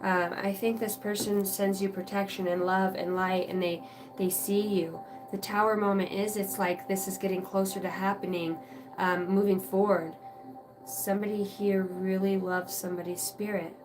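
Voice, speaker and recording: A woman's voice: mid-range voice, little pitch movement, moderate pace. A woman doing a live tarot reading for viewers, talking casually with lots of fillers and the odd swear word, over faint music. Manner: casual, rambling, many fillers and mild swearing. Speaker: tarot reader.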